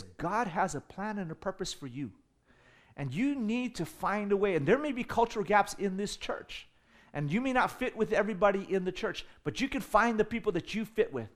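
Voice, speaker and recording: Middle-aged pastor, slightly high voice, animated story-driven sermon. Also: male voice. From United States. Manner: animated storytelling with humor, rising in volume for emphasis.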